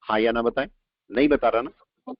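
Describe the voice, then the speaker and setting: A man teaching a live trading class, explaining points and quizzing his students with quick questions. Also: mid-range voice, dry recording. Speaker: trading instructor. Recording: dull lo-fi audio, dry.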